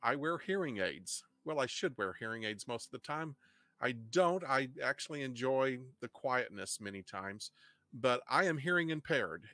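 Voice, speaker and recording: A middle-aged man with an Ozark Missouri twang, explaining things haltingly like an informal history teacher, rephrasing as he goes. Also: medium pitch, sharp tone, no room sound. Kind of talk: informal online history lecture. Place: indoor home studio. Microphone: desk microphone up close, headset on.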